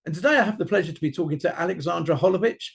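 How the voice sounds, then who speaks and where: A man's voice: high voice, very fast, creaky. A man hosting an interview podcast, reading a formal intro and asking his guest questions. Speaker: podcast host.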